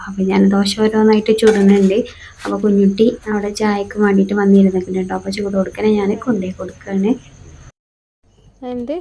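A woman, talking through a family vlog in a soft, homely way and holding back tears. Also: mid-range voice, slight background noise. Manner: soft, homely, ends phrases with a gentle tag. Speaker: family vlogger. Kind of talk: casual voice-over narration.

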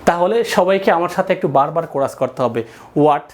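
A man's voice: fairly high pitch, a little fast. A man teaching an English lesson in a classroom, drilling phrases and asking the class to repeat after him.

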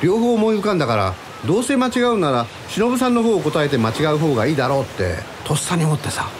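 Speaking fast and very animatedly in a higher voice, a radio-drama actor portrays an easygoing, wistful man opening up about lost love, his tone casual and reflective. Music sits behind him, along with a little hiss or hum.

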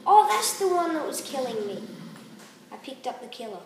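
A woman's voice: sits high, sing-song, normal speed. A woman chatting playfully with a friend while playing a shooter game, cracking jokes and repeating lines in a sing-song way. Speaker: co-host of a gaming podcast. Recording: roomy echo, far from the mic, noisy.

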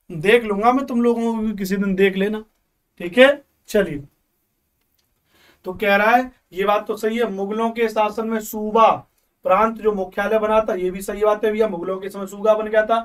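High-voiced chatty male teacher. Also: fairly even intonation, distant mic. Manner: chatty, quizzing, repeats questions slowly; joking banter with viewers. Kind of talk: live online exam revision class.

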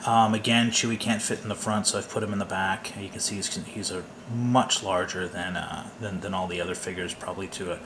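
A man's voice: deep voice, fairly even intonation, a little fast, hardly any pauses, background noise. A man walking through his scale model build at the workbench, loose and rambling, with lots of fillers and restarts. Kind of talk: hands-on build walkthrough. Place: workbench, off camera.

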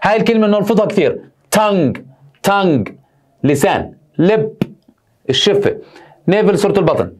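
A male teacher, drilling vocabulary by asking and answering his own questions. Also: high-pitched. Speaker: English teacher. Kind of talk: vocabulary lesson, repeating words.

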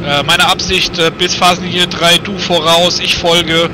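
A man's voice: high-pitched, little pitch movement, normal speed. A man speaking over a radio, giving terse orders in clipped military radio procedure, hesitating with fillers. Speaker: player as tank platoon leader. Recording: distant radio voice with loud noise.

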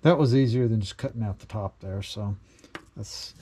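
In a cluttered home workshop, a middle-aged DIY maker explains his homemade build in a casual how-to, plainspoken and full of fillers. His voice is fairly low and dark at normal speed, with a little hiss or hum.

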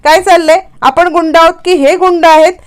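A woman's voice: extremely high pitch, steady tone, normal speed, pitched above the performer's own voice. A woman voicing a bossy woman posing as a gun-waving thug, speaking in a scolding, threatening way.

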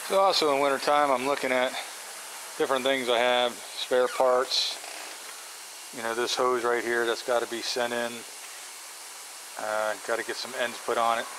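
A man's voice: mid-range voice, level tone, normal speed, long pauses. Rambling man with noisy camera audio. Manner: rambling, practical, offhand with fillers. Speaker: pressure washing business owner. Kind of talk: casual how-to walkthrough. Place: inside a work trailer. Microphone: handheld camera mic, filming while walking.

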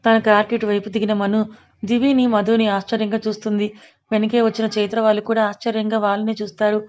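A woman reading a serialized story aloud in steady narration. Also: medium pitch, fast, highs cut off.

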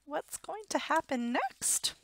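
A woman in her thirties reads aloud to young children in a high, very animated voice, taking it slowly with a fairly bright tone. She uses dramatic emphasis and makes asides to her listeners, speaking into a headset boom mic in a small room at home. There is slight background noise.

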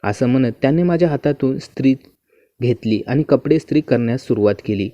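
A man reads a first-person story aloud in a smooth, even and unhurried manner. His voice is mellow and dark, at a medium pitch. The recording is dry and slightly muffled. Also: dry recording.

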